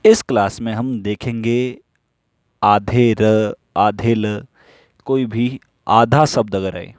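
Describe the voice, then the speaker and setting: A man teaching stenography in a slow classroom style, who asks questions and answers them himself while repeating the rules. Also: lowish voice, steady tone, no echo, clean studio sound.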